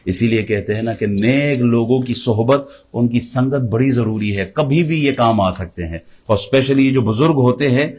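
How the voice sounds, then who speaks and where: Middle-aged guy preaching, fired up, slows way down to stress stuff. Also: medium pitch, darkish tone. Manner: impassioned, slows and rises on key lines. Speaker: religious preacher. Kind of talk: sermon.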